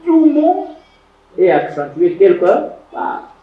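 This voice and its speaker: A man's voice: high voice, huge pitch swings, slow. A man teaching biblical Hebrew grammar to a class, repeating words and quizzing his students as he lectures. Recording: roomy, distant, dull lo-fi classroom recording.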